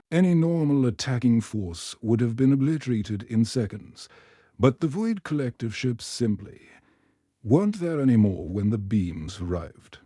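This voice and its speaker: A man narrating a science fiction story in steady, scripted storytelling. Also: medium pitch, no echo, clean studio sound.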